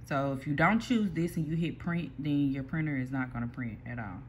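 The owner of a small print shop records a casual software tutorial by filming the computer screen with a phone in an ordinary indoor workspace. An easygoing, mid-pitched voice takes the workflow step by step, pausing and restarting, with faint background hum underneath.

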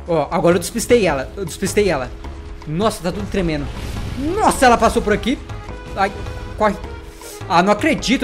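A man giving jumpy, excitable let's-play commentary and talking to his viewers. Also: sits high. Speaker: gaming vlogger.

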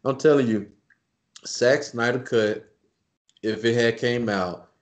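A man's voice: mid-range voice, takes it slowly. A man co-hosting a casual podcast chat, loose and emphatic, repeating words as he builds his point. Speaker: podcast co-host.

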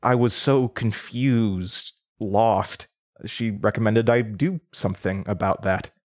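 An actor plays a nervous, confused young man being interrogated in a naturalistic audio drama, stammering and hesitant, uneasy and defensive. His voice is fairly low and a little mellow, and he takes it slowly.

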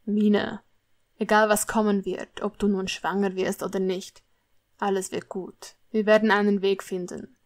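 A woman reading a storybook part as a young man, speaking softly and calmly to comfort his lover. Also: medium pitch, measured pace, lightly acted. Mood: soothing.

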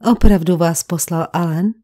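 Woman reading a jumpy young maid, slight italian accent, defensive, mellow voice, audiobook. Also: lowish voice, lightly acted. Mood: nervous. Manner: anxious, defensive. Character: nervous, frightened young hotel maid. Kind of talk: audiobook character voice.

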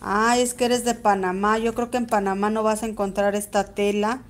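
A woman's voice: medium pitch, level tone, normal speed. A woman with a Mexican accent gives a chatty live-stream embroidery lesson, greeting viewers by name as she stitches. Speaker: embroidery teacher.

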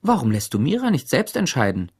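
A man's voice: mid-range voice, huge pitch swings, a little fast, breathy edge, pitched above the performer's own voice, full character voice. A man voicing an earnest lovesick young man. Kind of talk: audiobook reading.

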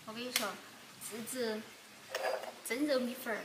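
Young woman, Sichuan dialect, higher-pitched, casual cooking host, outdoor kitchen with clear background noise. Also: steady tone, moderate pace. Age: young adult. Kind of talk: casual cooking demonstration and chat. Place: open-air village kitchen.

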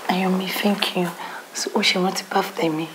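An emotional lover. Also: female voice, on the low side, background noise. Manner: emotional, mixes Yoruba and English. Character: emotional young woman, torn lover. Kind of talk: Nollywood film acting.

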